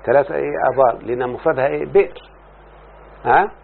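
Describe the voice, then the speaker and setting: A man's voice: mid-range voice, quick pace, creaky. Egyptian man, grammar lesson, quizzing his student, tinny lo-fi sound, faint hiss. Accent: Egyptian Arabic. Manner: explains then quizzes the student with repeated checks. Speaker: teacher of Arabic morphology. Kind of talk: Egyptian-dialect classroom lesson.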